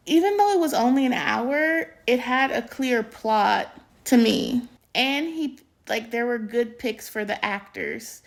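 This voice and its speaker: A woman's voice: on the high side, vocal fry. A woman co-hosting a casual movie review, giving emphatic, opinionated takes.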